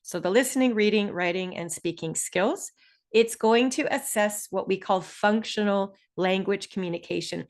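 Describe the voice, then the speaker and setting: A webinar presenter from Ontario, Canada explains things clearly and deliberately, stressing key terms. She has a Canadian accent and a medium-pitched voice.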